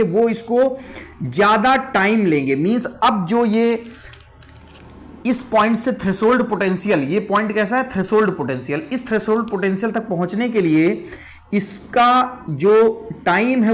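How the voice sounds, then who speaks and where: A man teaching pharmacology at a whiteboard, mixing English terms into his lecture, asking questions and answering them himself, and repeating key points. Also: high voice. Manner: mixes English terms into Hindi.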